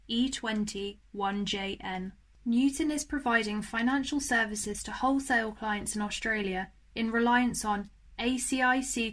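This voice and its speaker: A woman reading a scripted legal disclaimer in a formal, measured way. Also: mid-range voice. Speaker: podcast disclaimer reader.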